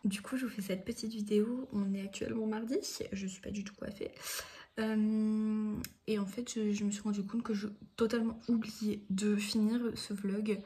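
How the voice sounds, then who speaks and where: A woman's voice: medium pitch, flat delivery, moderate pace, warm tone, breathy edge. Chatty young Frenchwoman vlogging casually. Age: 20s. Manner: chatty, many fillers, self-mocking. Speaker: book vlogger. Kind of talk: casual vlog chat. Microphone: phone camera.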